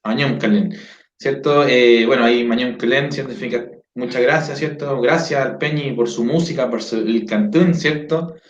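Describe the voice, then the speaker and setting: A man's voice: medium pitch, moderate pace. A man hosts a casual online interview, often adding tag questions and restarting his sentences. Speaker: host. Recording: echoey, dull lo-fi sound.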